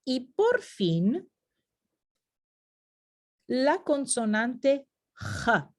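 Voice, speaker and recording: A woman's voice: sits high, big pitch swings, extremely slow. A woman teaching a phonetics lesson over slides, explaining step by step and slipping into short English asides. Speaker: Spanish teacher.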